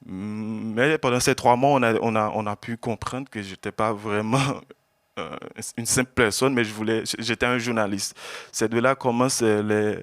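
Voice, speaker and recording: Earnest man, low voice. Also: creaky, no room sound. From Haiti. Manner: earnest, measured, often halting to repeat words. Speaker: exiled journalist speaking at an event. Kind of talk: personal testimony to an audience.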